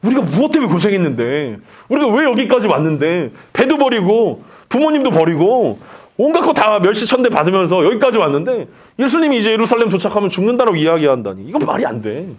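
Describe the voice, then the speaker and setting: A man's voice: high voice, big pitch swings, quick pace. A pastor acting out a group of resentful male followers, boastful and grudging.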